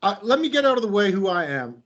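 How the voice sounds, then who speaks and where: Over a slightly muffled video call, a middle-aged creativity coach from the United States runs an online presentation, working through slides. His voice is high-pitched, sing-song, fast and a bit bright, and his style is loose and conversational, with light self-deprecating jokes.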